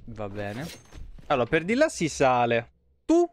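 Here an Italian live streamer, in his thirties, swings his mid-range voice through huge pitch changes while speaking a little slowly. He plays a video game at home, cursing casually and talking to viewers over a close streaming mic.

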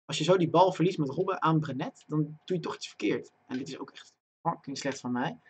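Excitable young man narrating his match. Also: on the high side, brisk, a little hiss or hum. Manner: talks to himself and chat, bursts into loud excited shouting at chances. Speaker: gaming streamer. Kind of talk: live gameplay commentary. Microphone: desk microphone.

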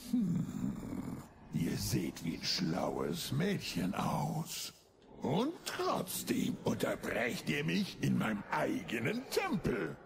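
An actor playing a sly, mocking old death spirit in a video game, gravelly, theatrical and cackling, stretching out his words. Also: mid-range voice, wildly swooping pitch, takes it slowly, exaggerated voice. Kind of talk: video game character acting. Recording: game ambience noise behind voice.

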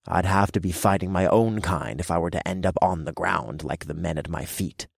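A man narrating an audiobook in the first person, with a dark, gloating storytelling manner. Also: low-pitched, normal speed, gravelly, husky, no echo, studio quality.

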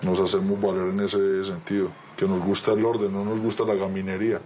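Anonymous Colombian man, disguised deep voice, dark and mellow tone, blunt interview answers. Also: flat delivery, fast talker, a little hiss or hum. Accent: Colombian Spanish. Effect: voice electronically disguised, pitched deep.

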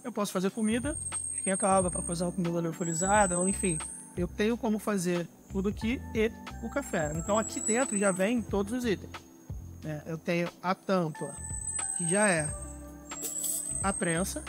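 A Brazilian man in his thirties, a barista, explaining his trail coffee gear in a relaxed, hands-on way outdoors in a forest. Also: high voice, fairly quick, over music. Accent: Brazilian Portuguese. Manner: relaxed, explanatory, handles gear while talking. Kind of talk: casual outdoor demonstration.

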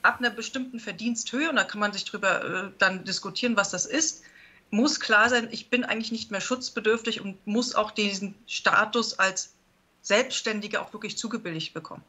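A woman's voice: medium pitch, moderate pace, bright, forceful tone. A woman politician making a firm, explanatory statement in a panel discussion.

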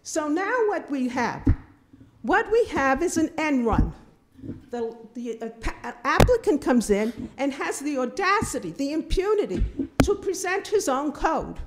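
An older woman with a high-pitched, very animated voice speaks unhurriedly during a public comment at a town board meeting, using a podium microphone in a meeting room, with a slight hiss or hum present. She is indignant and emphatic, repeating herself, and is filmed from a distant camera.

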